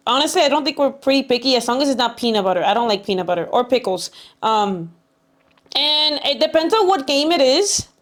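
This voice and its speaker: High-voiced woman streamer, cute and bubbly. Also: very animated, a little fast. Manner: chatty, repeats herself. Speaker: livestreamer. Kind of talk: casual livestream chat with viewers.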